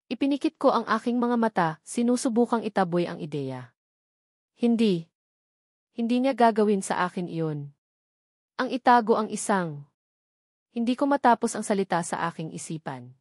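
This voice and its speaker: A woman narrating a love story in the first person, in a steady, measured reading voice. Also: mid-range voice, no echo, clean studio sound.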